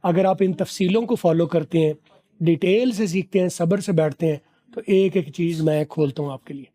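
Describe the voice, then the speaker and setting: A man with a high-pitched, mellow voice teaches spoken English in a vlog lesson. He repeats each phrase slowly, word by word, then breaks into long, chatty explanations. His tone stays soft and warm throughout. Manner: explains at length, chatty asides.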